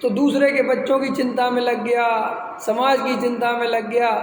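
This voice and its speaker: A man giving a spiritual discourse, mocking and teasing with rhetorical questions and quick imitations. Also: very high-pitched, flat delivery. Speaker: Jain spiritual teacher. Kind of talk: discourse lecture. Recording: echoey hall, faint noise.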